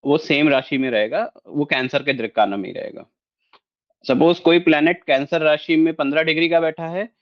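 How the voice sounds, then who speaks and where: A man teaches an online lesson, walking through each point patiently and pausing often with check-ins. His voice sits a little high for a man. The audio is slightly dull and lo-fi. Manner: explanatory, mixes Hindi with English, frequent check-ins. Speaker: astrology teacher. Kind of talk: online lesson with screen share.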